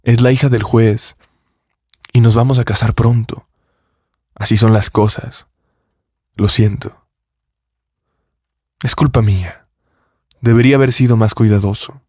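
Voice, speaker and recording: A man's voice: medium pitch, fairly even intonation, unhurried, long pauses, mellow, breathy edge, no room sound, clean studio sound. A man playing a rich, arrogant young businessman who speaks in a dismissive, controlling way. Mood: cold.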